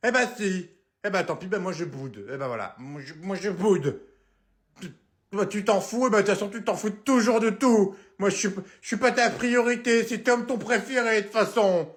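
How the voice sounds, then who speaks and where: A man puts on a little boy's voice, high and thin, for a comedy skit. The child whines and pleads like a sulky youngest brother. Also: normal speed, lightly acted. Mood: sulking. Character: whiny sulking little boy, youngest brother.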